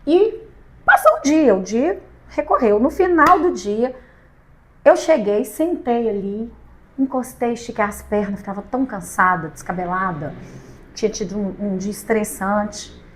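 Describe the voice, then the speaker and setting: A woman's voice: medium pitch, expressive, a little slow. A woman with a Brazilian Portuguese accent, a podcast guest animatedly telling a story with laughter, acting out the lines of the people in it. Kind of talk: casual storytelling chat. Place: podcast studio.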